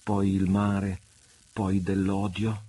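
A man reading Sandokan, deep tormented pirate. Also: monotone, takes it slowly, warm tone. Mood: anguished. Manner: fervent, desperate outbursts. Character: passionate tormented male pirate chief, the Tiger of Malaysia.

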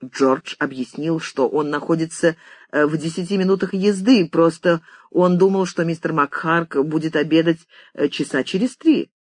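An audiobook narrator reading a novel in a lively, expressive way. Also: medium pitch, moderate pace, no room sound. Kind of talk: scripted narration.

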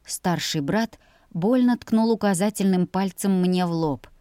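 A woman narrating a first-person audiobook story in an expressive storytelling manner. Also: medium pitch, measured pace, no echo, clean studio sound.

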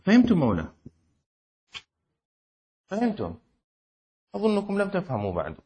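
Teacher brief: animated man, husky tone, fairly high, drills a class with questions. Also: normal speed. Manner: questions students often, stretches key words for emphasis. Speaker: sheikh teaching Shafi'i law. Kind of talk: interactive classroom lesson. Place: classroom with students.

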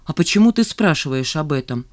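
A woman's voice: low-pitched, lively intonation, a little fast, no room sound, studio quality. A woman reading an audiobook, voicing a mild, patient young man.

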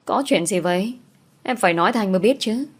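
A cool, teasing husband speaks calmly and lightly in a storybook romance, as a woman narrator puts him on. He stays unbothered and slightly mocking. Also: medium pitch, a little fast, slightly rough, natural voice.

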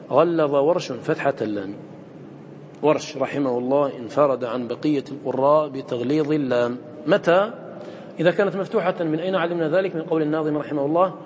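In a lecture room full of students, a man with a somewhat high, slightly mellow voice explains a poem in a recitation lesson. He goes through it step by step and quizzes the class with short questions, and the hall sounds echoey with faint background noise.

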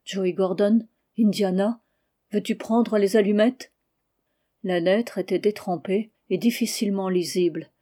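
A woman reading a novel aloud as steady scripted narration, lifting her voice for the shouted lines. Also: unhurried. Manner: steady reading, louder and higher for quoted cries. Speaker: audiobook reader.

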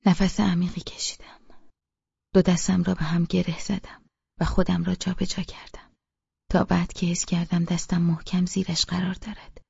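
Hushed, husky woman narrating a novel. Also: fairly low pitch, little pitch movement, dry recording, lo-fi sound. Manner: hushed, half-whispered reading. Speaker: audiobook narrator. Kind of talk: first-person novel narration.

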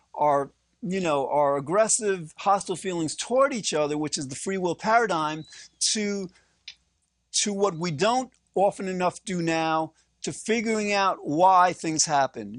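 A man's voice: sits high, dry recording. A man co-hosting a casual discussion show, talking earnestly and rambling, with many restarts and fillers. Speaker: co-host.

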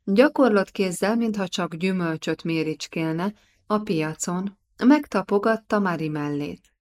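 A woman reading a historical novel aloud as an audiobook narrator, in measured scripted narration. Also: fairly low pitch, darkish tone. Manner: measured storytelling.

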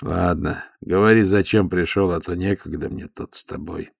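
A man voicing a gruff, sharp-tongued monastery stoker who scolds and mocks. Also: deep voice, fairly even intonation, normal speed, no echo, studio quality, exaggerated voice. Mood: mocking. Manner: rough, scolding, mocking.

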